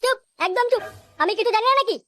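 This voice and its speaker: Squeaky, fast cartoon voice. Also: female voice, fairly bright tone, no echo, studio quality. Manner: brash, crude, squeaky. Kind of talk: cartoon comedy voice acting.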